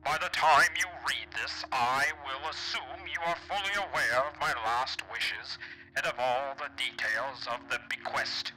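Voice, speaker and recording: Guy doing a posh old gentleman reading a letter, super bright tone, old gramophone sound, formal and slow. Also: mid-range voice, faint music behind, rough recording. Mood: solemn. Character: dignified old man reading his letter aloud. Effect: old gramophone-style filter. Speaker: streamer reading a game letter.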